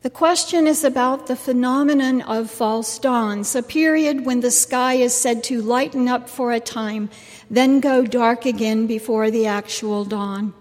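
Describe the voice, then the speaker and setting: A woman delivers a funeral sermon with solemn, measured oratory. Her voice is fairly high and very unhurried. It carries through a big reverberant church. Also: a little mellow. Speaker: preacher. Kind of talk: funeral sermon with recited poetry. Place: large cathedral interior.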